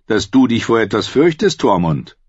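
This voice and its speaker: A man voicing a young, earnest sworn brother who answers calmly and briefly, in a muffled lo-fi recording. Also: fairly low pitch, moderate pace, breathy edge, pitched above the performer's own voice. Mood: terse steady. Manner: calm, terse, earnest.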